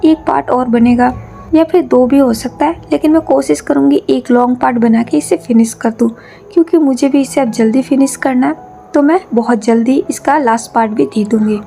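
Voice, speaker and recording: A woman narrating a fan fiction story in a calm, even storytelling manner. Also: sits high, creaky. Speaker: storyteller, channel host. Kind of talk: reading fan fiction aloud.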